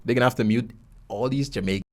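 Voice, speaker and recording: Speaking quickly in a slightly mellow mid-range voice, a young man from Guyana with a Caribbean accent hosts a podcast. He's close on a boom-arm studio mic, presenting and interviewing casually and tossing out jokey slang.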